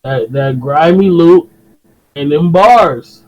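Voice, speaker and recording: A man from Detroit with a Detroit accent, talking in animated slangy chat on a podcast. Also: on the high side, takes it slowly. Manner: animated, slangy, repeats himself. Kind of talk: casual chat. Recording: dull lo-fi sound.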